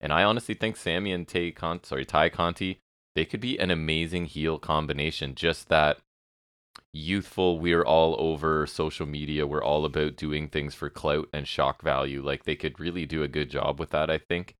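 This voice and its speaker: A man's voice: very deep voice, fairly even intonation, normal speed, fairly bright tone, clear, resonant tone, no echo, studio quality. A man co-hosting a casual wrestling podcast, giving opinionated, sarcastic commentary. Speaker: podcast co-host.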